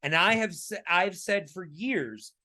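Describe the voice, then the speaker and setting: A man with a raspy, fairly high voice, chatting casually on a podcast. He talks emphatically, stopping and restarting his sentences often, with plenty of fillers. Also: a little slow, bright, forceful tone. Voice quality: raspy today. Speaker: podcast co-host.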